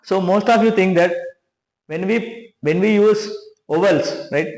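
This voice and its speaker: High-voiced teacher in an echoey room. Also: male voice, unhurried, darkish tone. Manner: explains with many restarts and checking "right?". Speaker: English grammar teacher. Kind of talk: classroom grammar lesson. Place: classroom with a board.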